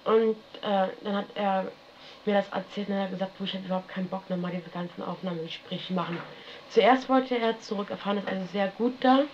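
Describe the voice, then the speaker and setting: A woman talks through her memories in a loose, rambling, colloquial way, finishing her sentences with a questioning "ne?". Her voice sits at a medium pitch. It comes from a dull, lo-fi archival radio tape with a faint hiss underneath. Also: a little fast. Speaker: interviewee recounting her life. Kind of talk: casual spoken recollection.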